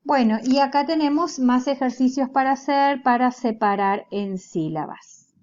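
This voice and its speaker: A woman teaching Biblical Hebrew in a recorded lecture, explaining step by step in a slow, patient way. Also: high voice, darkish tone. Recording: dull lo-fi recording.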